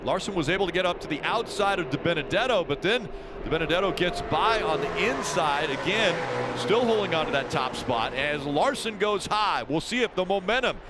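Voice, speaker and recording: A man delivers live play-by-play of a car race. His voice sits a little high, and vehicle noise is clearly heard behind him. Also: expressive, a little fast. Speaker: play-by-play announcer. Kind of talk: live play-by-play motorsport commentary. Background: race cars and outdoor track noise.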